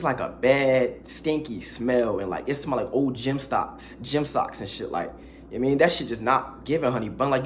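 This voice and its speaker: A man's voice: medium pitch, slight background noise. A young man telling a crude, slangy story in a casual storytime vlog, with dramatic asides.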